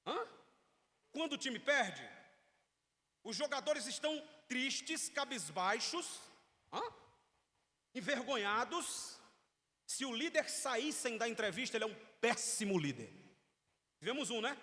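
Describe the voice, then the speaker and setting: A man's voice: extremely high pitch, animated, unhurried, long pauses, sharp tone. A man with a Brazilian Portuguese accent preaching a teaching sermon in church, emphatic and asking the congregation questions. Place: church sanctuary. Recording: long reverb of a church hall.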